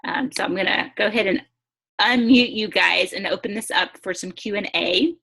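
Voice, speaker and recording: A woman's voice: mid-range voice, normal speed, creaky, sharp tone, slightly rough. Upbeat woman hosting a video webinar. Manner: upbeat, chatty, breaks into laughs. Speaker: host. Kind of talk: casual webinar presentation. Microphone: video call.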